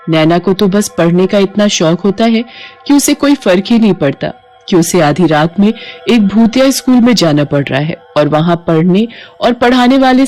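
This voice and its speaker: A woman giving scripted narration for a cartoon ghost story in an even, storytelling manner. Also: medium pitch.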